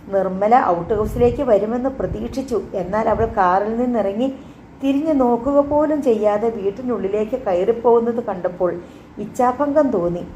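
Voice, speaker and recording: Woman audiobook narrator, calm measured storytelling, mellow tone, roomy slightly dull recording. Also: a little high, a little hiss or hum. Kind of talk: scripted narration.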